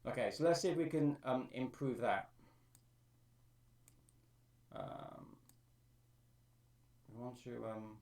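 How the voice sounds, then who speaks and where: A man's voice: medium pitch, expressive, takes it slowly, creaky, pauses often, darkish tone, roomy sound, distant mic. A man on a live stream, thinking aloud as he explains how he edits his own vocal track. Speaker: streamer and amateur music producer. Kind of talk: live-stream tutorial talk.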